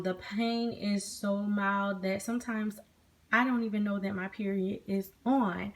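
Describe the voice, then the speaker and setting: A woman's voice: mid-range voice, a bit bright. Chatty woman rambling on a phone vlog. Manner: chatty, rambling with many ums and restarts. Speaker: product reviewer. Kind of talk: casual product review vlog.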